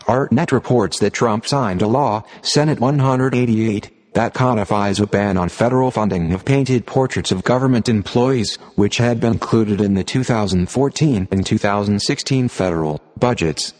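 A computer-generated man's voice reading formal text aloud as scripted narration, in an impersonal, measured manner. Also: lowish voice, a little mellow. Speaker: narrator of an audio reading series. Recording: long hall-like reverb.

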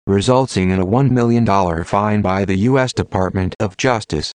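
Male computer-generated voice, old speech synthesizer sound, low pitch, mechanical delivery, scripted read-aloud, very dry. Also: a little mellow, dry recording. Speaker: automated narrator of an audio series. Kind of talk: scripted read-aloud narration of formal texts.

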